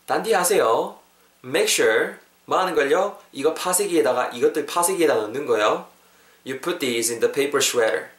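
A man hosting a podcast English lesson, explaining phrases and drilling them slowly and repeatedly for learners. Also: mid-range voice, fairly bright tone, reverberant. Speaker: English teacher, podcast host.

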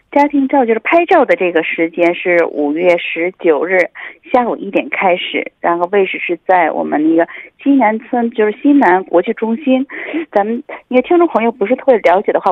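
A woman speaking as an official guest over the telephone, explaining things in a somewhat halting way. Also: medium pitch, animated, dry recording. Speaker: city official, phone guest. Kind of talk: explanatory phone interview. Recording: tinny narrow phone line.

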